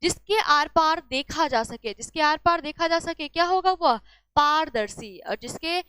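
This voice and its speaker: A woman's voice: high-pitched, lively intonation, a little slow, bright, forceful tone, no room sound. A woman teaching a lesson on exam solutions, asking each question and answering it herself.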